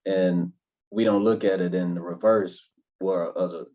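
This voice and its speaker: A man co-hosting a casual interview, speaking hesitantly with many pauses and fillers. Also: low voice, steady tone, warm tone. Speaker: podcast co-host. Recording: dull lo-fi audio.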